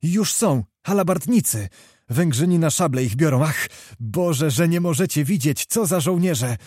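A man voicing a small, fiery male knight who calls out battle news in an excited, breathless way. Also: fairly high pitch, unhurried, dry recording, clean studio sound.

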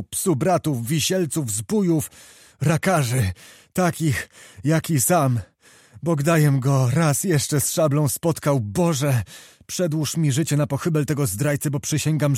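A man voicing a small, fiery male knight who calls out battle news in an excited, breathless way. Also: on the high side, unhurried, no echo, clean studio sound. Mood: self-reproaching.

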